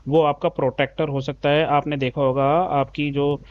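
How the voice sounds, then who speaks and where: A man's voice: a little high, level tone, darkish tone. Patient man teaching maths. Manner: patient, addresses children as beta; reads English questions slowly, then explains in Hindi. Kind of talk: explaining a class 3 maths textbook.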